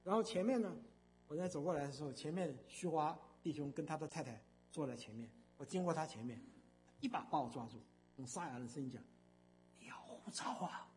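An older man giving a church testimony as a storytelling sermon, emphatic and animated, with frequent fillers. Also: on the high side, quick pace, soft background music.

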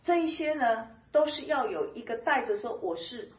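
A woman gives an informal Bible teaching in a fairly high voice, chatty and animated, laughing often between her points. She sounds distant from the microphone, in a roomy, echoing space. The recording is muffled and dull. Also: moderate pace. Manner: lively, chatty, laughs often, many soft filler particles. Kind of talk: conversational sermon teaching.

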